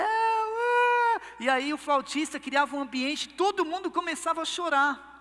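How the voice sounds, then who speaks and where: A man's voice: high voice, pushed and bright, big-room sound. A male pastor with a Brazilian Portuguese accent preaching a sermon, telling stories playfully and acting out quotes. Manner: playful storytelling, acts out quotes. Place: church service.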